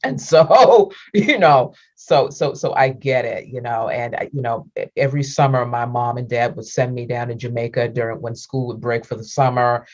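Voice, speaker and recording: A woman's voice: a bass voice, normal speed, few pauses, darkish tone. A middle-aged woman hosting an interview over a video call, chatting freely, laughing often and repeating her words. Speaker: interview host. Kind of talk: casual interview chat. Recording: dull lo-fi call audio.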